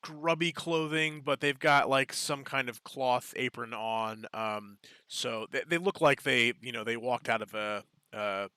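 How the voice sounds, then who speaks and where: A man narrating as game master of a tabletop game, relaxed and halting, with many fillers. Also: mid-range voice, clean tone, no room sound.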